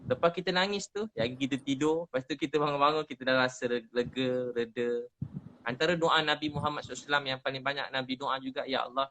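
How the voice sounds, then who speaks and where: A man's voice: mid-range voice, fast, sharp tone, a little hiss or hum, poor audio. Earnest Malaysian man preaching. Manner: earnest, repetitive, emotionally emphatic. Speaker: Islamic preacher. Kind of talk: heartfelt religious advice in a live chat.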